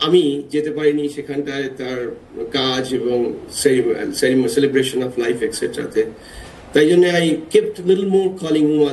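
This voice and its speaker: A man's voice: a little high, a little mellow. Hesitant middle-aged man in an echoey room. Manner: hesitant, with frequent uh and ah fillers. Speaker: author at his book launch. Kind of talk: personal talk mixing Bengali and English. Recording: echoey room, distant mic, some noise.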